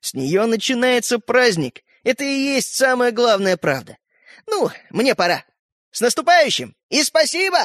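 A man voicing a tiny, boastful and sly living toy boy in a storybook, cheeky and excitable. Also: very high-pitched, moderate pace, no room sound, studio quality, pitched above the performer's own voice, heavily acted. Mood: cheerful.

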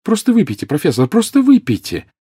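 A man voicing a desperate teenage boy wizard, urging and pleading loudly, in an audiobook. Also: high voice, huge pitch swings, brisk, husky, no echo, clean studio sound, voice pushed up, full character voice. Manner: urgent, pleading, shouting. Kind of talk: audiobook character voice.

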